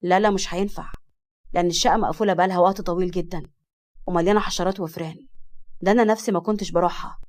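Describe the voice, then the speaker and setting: A woman's voice: fairly low pitch, steady tone, very fast, darkish tone, close to an everyday voice. Woman doing a cocky young Egyptian man. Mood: persuasive. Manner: teasing, dramatic complaining.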